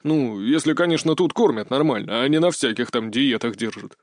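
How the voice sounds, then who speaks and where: A man's voice: mid-range voice, brisk, no room sound, close to an everyday voice. A man voicing a cheerful, hearty foreign guest who exclaims jovially, in a dry-sounding audiobook reading. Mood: delighted.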